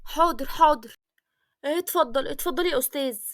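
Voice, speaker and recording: A woman's voice: high-pitched, brisk, no echo, clean studio sound, pitched above the performer's own voice, lightly acted. A woman voicing a flustered young female secretary in a storybook tale. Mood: hasty. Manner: jumpy, flustered.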